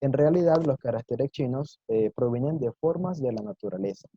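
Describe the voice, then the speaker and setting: A man's voice: medium pitch, animated, moderate pace, mellow, breathy edge, dry recording, muffled recording. A man teaching an online Mandarin lesson in Spanish, patiently explaining and demonstrating tones with exaggerated intonation and encouraging his students.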